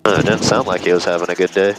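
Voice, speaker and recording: A man's voice: low voice, fairly even intonation, rapid-fire. A man flying as student pilot, calling out his actions over a cockpit headset intercom inside a helicopter. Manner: brief, calls out actions as he flies. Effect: pilot talking over a cockpit headset intercom. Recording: loud helicopter engine noise.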